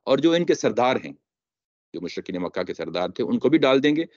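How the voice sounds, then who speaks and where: Here a Quran teacher talks briskly and very animatedly, his medium-pitched voice a little mellow. The dull, dry, lo-fi lecture recording has him explaining scripture, reciting verses, and hammering key phrases through repetition.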